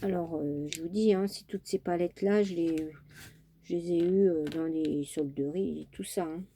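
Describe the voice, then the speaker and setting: Chatty woman with a mellow voice. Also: on the low side, moderate pace, a little hiss or hum. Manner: chatty and homely, with many "hein" and "euh" fillers. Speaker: craft vlogger. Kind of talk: casual crafting tutorial chat.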